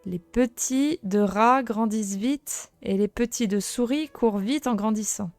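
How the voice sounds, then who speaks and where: A woman's voice: on the high side, unhurried, a little mellow, dry recording. Woman reading an earnest young male rat guard. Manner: earnest, plain reading of game dialogue.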